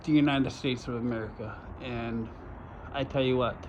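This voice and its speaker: A man's voice: mid-range voice, fairly even intonation, moderate pace. A man from Arizona talking in an urgent, repetitive, emphatic way for his vlog, recorded outdoors by a road. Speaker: vlogger. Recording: lo-fi with loud outdoor noise.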